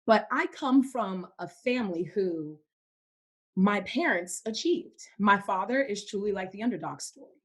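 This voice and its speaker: A woman's voice: medium pitch, animated, a little slow, breathy edge. A young woman from Cameroon, a podcast guest in casual faith-based conversation, who speaks emphatically and repeats words for stress.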